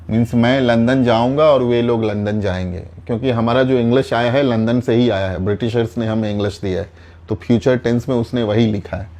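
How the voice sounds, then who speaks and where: A man giving a spoken English lesson on tenses, asking himself questions and answering them, and saying each example sentence slowly. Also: medium pitch, darkish tone. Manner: switches to slow, deliberate English for example sentences. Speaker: English teacher.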